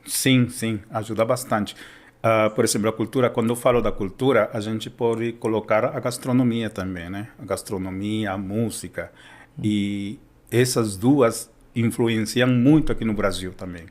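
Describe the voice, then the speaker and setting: This Spanish teacher from Peru talks in Portuguese, carrying a Peruvian Spanish accent, at normal speed in a fairly low, steady voice. The conversation is relaxed and educational, and he keeps checking in with the person listening.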